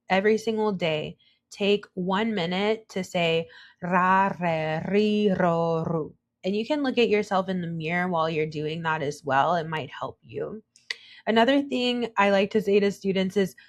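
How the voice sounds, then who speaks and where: A young adult woman teaching Spanish pronunciation, patient and encouraging, modelling each sound slowly. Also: medium pitch, animated. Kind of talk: slow, calm pronunciation tutorial.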